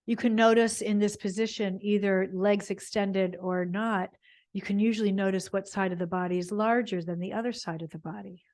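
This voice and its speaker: Her mid-range voice keeps a fairly even intonation as she leads a gentle yoga class. The spiritual body scan is unscripted, wandering and halting while she hunts for the right words.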